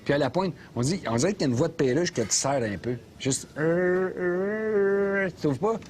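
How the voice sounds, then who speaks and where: An actor with a Québécois accent playing a loud, opinionated middle-aged taxi driver who rants and mocks sarcastically, in a comedy sketch filmed inside a cab. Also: male voice, on the high side, lively intonation, normal speed, a little hiss or hum, natural voice. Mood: mocking. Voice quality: sarcastic ranting, mocking.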